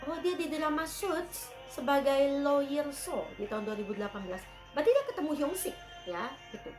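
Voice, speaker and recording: A woman's voice: sits high, lively intonation, normal speed. A woman chatting casually as a drama review vlogger, talking about herself by name and dropping in English phrases. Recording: roomy with soft background music.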